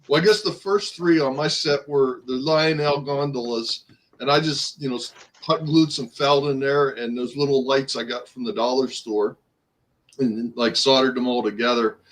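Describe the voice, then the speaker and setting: A man on a video call, talking through his hobby work in a relaxed, matter-of-fact way. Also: mid-range voice, moderate pace, poor audio. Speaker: panelist on a livestream. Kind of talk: casual chat.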